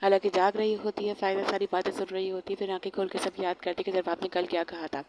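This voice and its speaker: Fast, flat-voiced woman recapping a drama. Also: mid-range voice, noisy background. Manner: rapid, even retelling that slips quoted lines into the narration. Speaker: drama reviewer. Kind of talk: fast plot recap narration.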